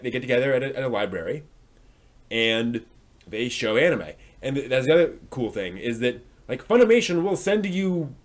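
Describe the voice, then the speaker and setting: On a live stream, a man with a medium-pitched voice chats informally and unscripted with his viewers. He often wanders, hesitating and musing aloud.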